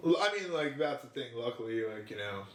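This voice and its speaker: A man's voice: medium pitch, expressive, brisk, roomy sound, a little hiss or hum. A young man co-hosting a podcast in casual chat, rambling and swearing a lot, laughing often. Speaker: podcast co-host.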